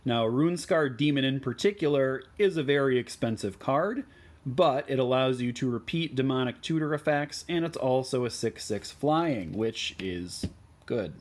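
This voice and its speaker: A man with a Midwestern American accent explains card choices for a deck in a relaxed way, with many ums and uhs. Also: mid-range voice, moderate pace. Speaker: deck tech host.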